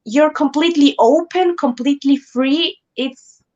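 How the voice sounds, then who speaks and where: A woman's voice: high voice, unhurried, darkish tone, dull audio. A young woman from Ecuador, a classical singer, telling her story as a guest on a live online show. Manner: earnest, enthusiastic storytelling. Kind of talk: live stream interview.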